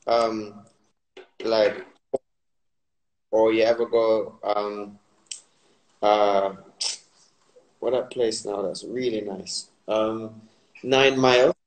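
A man from Barbados hosting a casual phone live stream, talking in a relaxed, rambling way with many fillers. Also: on the low side, extremely slow, pauses often, rough recording. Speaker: Instagram live host.

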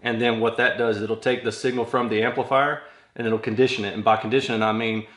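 A man in his thirties, a product reviewer, unboxes audio gear in a small workshop room, thinking aloud informally as he handles each item. His voice is medium-pitched, level, quick and a little bright. Crinkling packaging, clicks and rustling come through clearly along with handling noise.

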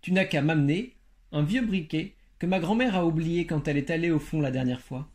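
A man's voice: a little high, brisk, a little mellow, lightly acted. A man reading a storybook aloud and voicing a scheming old witch in a raised, curt voice.

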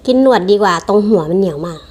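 A woman's voice: medium pitch, animated, very fast, a little mellow, a little hiss or hum. A woman doing a casual mukbang eating show, chatting to viewers between bites with chewing and savouring hums.

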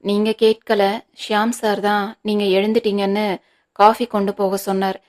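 A woman's voice: mid-range voice, little pitch movement, normal speed, a little mellow, natural voice. A woman reading the lines of a hesitant, polite woman servant in a storybook, meek and deferential.

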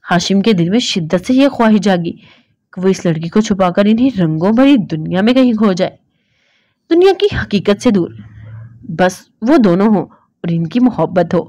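A woman reading a romance novel aloud in a steady storytelling voice. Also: medium pitch, normal speed, no room sound. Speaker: narrator.

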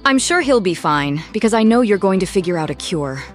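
A woman's voice: mid-range voice, big pitch swings, brisk, soft background music, natural voice. A woman voicing a plucky, sociable young female lemur in a comic dub, chummy and slangy. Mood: reassuring.

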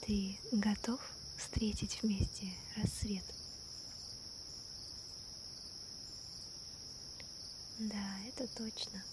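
ASMR role-play, woman as sweet girlfriend stargazing, soft slow soft voice right in your ear, crickets and night noise behind. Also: mid-range voice, flat delivery, lightly acted. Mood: tender, intimate. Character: gentle, wonder-struck girlfriend stargazing at night. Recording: night crickets, insects and clear ambient noise. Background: crickets and night insects.

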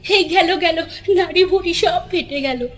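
A woman's voice: on the high side, takes it slowly, in a large hall, voice pushed down. A woman voicing a strange creature, half man and half owl, that can barely stop laughing, in a storybook reading. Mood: giggling. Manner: giggly, breathless with laughter.

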